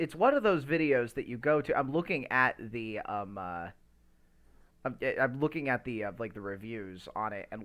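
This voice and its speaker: Chatting to his live stream on a casual podcast, a male host rambles and stammers through unscripted talk peppered with swearing. His voice is medium-pitched and a bit bright.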